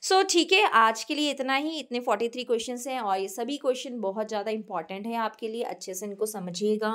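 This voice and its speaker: A woman's voice: fairly high pitch, fairly bright tone. A woman, teaching an English grammar lesson and answering her own questions. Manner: asks questions then answers them herself; reads English sentences slowly and clearly.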